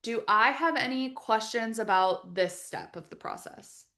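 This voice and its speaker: A woman leading a live webinar as a software trainer, explaining each step in a friendly, practical, instructional way. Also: fairly high pitch, unhurried. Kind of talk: live webinar screen-share tutorial.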